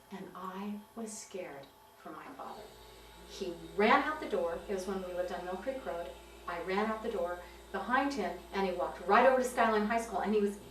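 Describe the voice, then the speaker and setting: A woman giving personal testimony, telling her story in an earnest, halting way. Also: medium pitch. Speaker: witness giving filmed testimony. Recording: roomy, distant mic with faint hiss.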